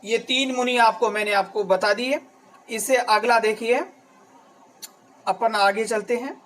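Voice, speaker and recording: A man's voice: high voice, steady tone, unhurried, a bit bright, low-quality recording. A man teaching an exam-prep grammar lesson, addressing his students directly and repeating key terms to drill them. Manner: addresses students directly and asks then answers questions.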